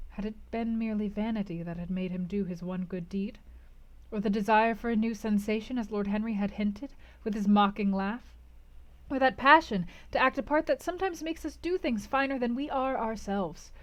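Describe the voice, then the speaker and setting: As a book club host, a woman reads a classic novel aloud with theatrical emphasis and dramatic pauses, swinging from hushed to intense. Her voice is medium-pitched and the audio sounds dull.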